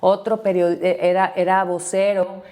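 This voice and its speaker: A woman's voice: on the low side, flat delivery, normal speed, warm tone. A middle-aged woman from Mexico being interviewed, chatting through family stories with lots of "este" and "pues" fillers. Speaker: interviewee, former party leader. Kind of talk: casual interview storytelling. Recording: roomy echo, speaker far from mic.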